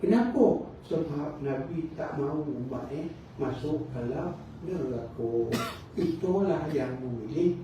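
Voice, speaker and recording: A man's voice: a little high, expressive, measured pace, noisy background. A male religious teacher with a Malaysian Malay accent gives a mosque lecture, telling stories, acting out the dialogue and checking with the crowd. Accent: Malaysian Malay, Negeri Sembilan. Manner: storytelling, acts out dialogue, asks the crowd "kan?". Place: mosque hall. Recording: echoey room from far off, dull.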